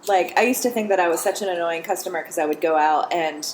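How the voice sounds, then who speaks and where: A woman guest on a podcast, chatting in a relaxed way about going out and eating. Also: on the low side, quick pace, a little hiss or hum. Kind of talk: casual chat.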